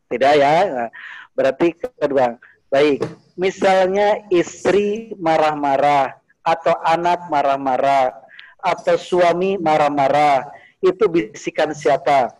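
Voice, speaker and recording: A man's voice: a little high, takes it slowly, darkish tone, rough recording. Chatty man teaching a religious group. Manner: chatty, repeats "Bu" often, asks listeners questions. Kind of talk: informal religious talk to a group.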